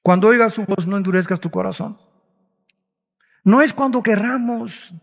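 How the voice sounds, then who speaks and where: A man's voice: high voice, normal speed, creaky, big-room sound. A male pastor preaching a dramatic sermon full of rhetorical questions.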